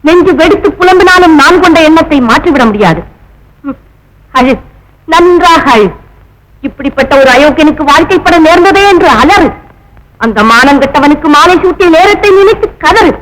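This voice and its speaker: A woman's voice: extremely high pitch, expressive, normal speed, a little hiss or hum, rough recording. An actress playing a proud vengeful woman, speaking in a scornful, declamatory 1950s film melodrama manner. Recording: old film soundtrack with loud music.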